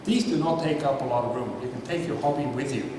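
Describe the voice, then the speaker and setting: With a quick pace, this Dutch man in his fifties delivers a laid-back, self-deprecating talk at a science night, keeping up banter by asking the crowd questions. A far-off microphone in the large, echoey hall records his booming voice along with a clear layer of noise.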